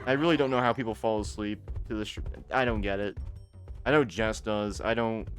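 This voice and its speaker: Streaming a video game, a young man talks in a loose, rambling way, stumbling over the openings of his sentences. He speaks a little fast, with a lowish voice and fairly even intonation, while soft music plays in the background.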